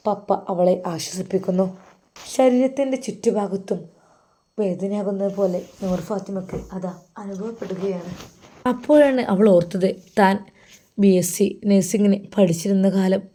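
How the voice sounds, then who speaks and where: A woman's voice: mid-range voice, normal speed, warm tone. A woman narrating a devotional family story in an earnest, emotional storytelling manner.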